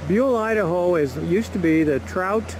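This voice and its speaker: A man's voice: high voice, normal speed, noisy background. A man talking casually and joking as he films a walk by a river, recorded on a handheld camera outdoors. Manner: folksy, chatty and joking. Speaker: vlogger filming a walk. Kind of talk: casual walking vlog narration.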